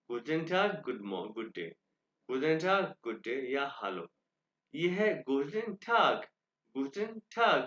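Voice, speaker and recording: A man teaching a German class online, patiently repeating words slowly for pronunciation. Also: fairly high pitch, a bit bright. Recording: echoey lo-fi online class audio.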